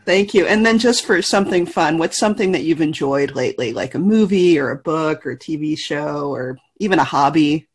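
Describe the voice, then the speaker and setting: Woman podcast host, kinda husky voice, friendly questions. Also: low-pitched, animated, brisk, hardly any pauses. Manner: warm, scripted introduction then friendly questions. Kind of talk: podcast interview.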